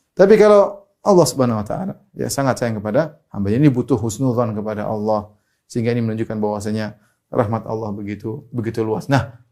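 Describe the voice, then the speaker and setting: Sermon voice: Indonesian male preacher, mid-pitched, expressive. He climbs high and loud in stories, sinks low and quiet in pleas, and recites Arabic between plain explanations. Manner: animated, rising high and loud when telling a story, sinking quiet when pleading; recites Arabic hadith then translates.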